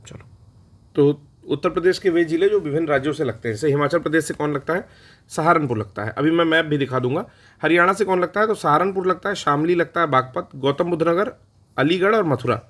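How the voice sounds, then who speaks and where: A man's voice: mid-range voice, gravelly, a bit bright. A man teaching an exam-prep lecture, chatty and playful, answering his own questions in a mock student voice. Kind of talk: recorded online lecture.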